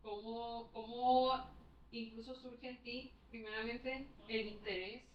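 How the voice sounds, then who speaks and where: A woman's voice: fairly high pitch, flat delivery, slow, background noise. A woman interviewer asking poised, full-sentence questions, picked up from some distance away from the microphone. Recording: dull, roomy, distant from the mic.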